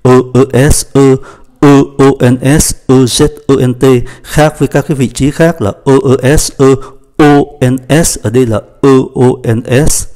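A man teaching a French grammar lesson, patiently spelling out letters and slowly repeating each conjugation. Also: medium pitch, steady tone, mellow.

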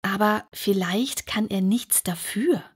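A woman's voice: mid-range voice, slow, husky. A woman reading an audiobook aloud and voicing a curious young girl who grows more insistent and exasperated. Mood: pleading. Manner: pleading, increasingly insistent.

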